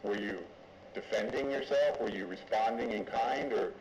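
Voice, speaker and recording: A male lawyer conducts a formal courtroom examination in a deliberate, halting manner. His voice is on the low side. It echoes strongly in the room, and the recording is somewhat dull. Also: background noise. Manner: deliberate, halting step-by-step questioning. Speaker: lawyer questioning a witness.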